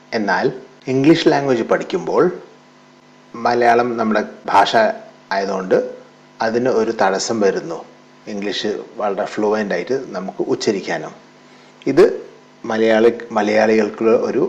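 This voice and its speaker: Slow low-voiced Malayali English teacher. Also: male voice, poor audio. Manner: drills word lists aloud for repetition. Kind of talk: slow bilingual pronunciation lesson.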